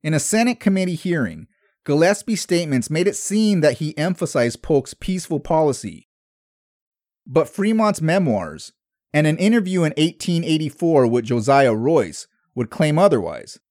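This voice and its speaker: A man's voice: fairly high pitch, dry recording. Man narrating history, dry close sound. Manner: measured, steady storytelling. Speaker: history podcast host.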